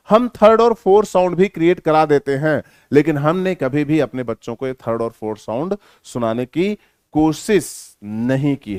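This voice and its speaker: A male teacher giving a lesson in a lively, teasing manner, at times explaining loudly and at times mumbling quietly while writing. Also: medium pitch, dry recording, clean studio sound. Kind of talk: online lecture.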